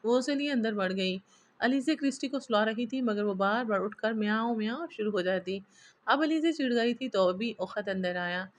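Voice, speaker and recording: A woman's voice: a little high, normal speed, highs cut off. Woman narrating a romance novel. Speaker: novel reader. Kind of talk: storybook narration.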